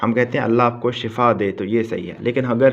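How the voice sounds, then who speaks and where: A man teaching correct Quran pronunciation, patiently repeating words slowly to show how the meaning changes. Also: medium pitch, steady tone, lo-fi sound. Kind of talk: explanatory Urdu lesson on Quran pronunciation.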